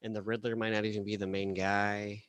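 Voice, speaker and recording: Male co-host, lowish voice, casual halting ramble, dry close mic. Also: little pitch movement, fairly bright tone, clear, resonant tone, no echo. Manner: rambling, halting, many fillers. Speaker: podcast co-host. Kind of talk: casual chat.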